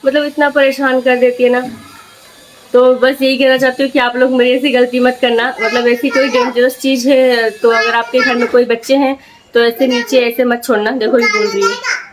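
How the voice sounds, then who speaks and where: A woman's voice: high-pitched, level tone, normal speed, very noisy. A young woman, a mother, chatting casually to camera in a home vlog and telling her story with lots of fillers. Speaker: vlogger, mother.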